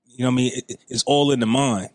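A man's voice: mid-range voice, steady tone, racing. A man co-hosting a podcast, talking earnestly and repeating words as he works through his thoughts. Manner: earnest, repeats words while thinking aloud. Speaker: podcast co-host. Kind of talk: casual chat.

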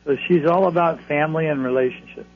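A man gives conversational advice to radio callers. His voice has a heavy creak to it. He sounds thin and tinny over the telephone, with noise on the line. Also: on the high side, fast talker. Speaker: card-reading astrologer, radio guest.

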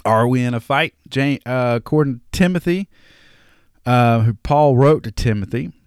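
A man's voice: medium pitch, normal speed, smooth, no room sound, clean studio sound. A man with a Southern US accent, a podcast host talking casually through Bible verses and reading scripture aloud. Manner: conversational, reads scripture aloud with restarts. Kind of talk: casual Bible study talk.

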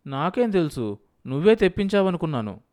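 A man's voice: a little high, lively intonation, moderate pace, darkish tone, voice pushed up, natural voice. A man voicing a naive, simple husband who is bewildered by the city cinema, in an audiobook. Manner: innocent, bewildered.

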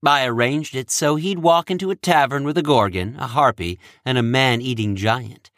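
A man's voice: medium pitch, moderate pace, fairly bright tone, no echo, clean studio sound, close to an everyday voice. A man voicing an earnest female weaver of fates who speaks politely and plainly to her lord.

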